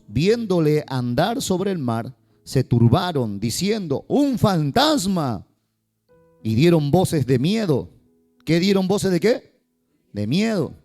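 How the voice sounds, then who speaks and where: Pastor preaching over soft guitar. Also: male voice, mid-range voice. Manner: lively, joking asides to the congregation. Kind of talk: sermon.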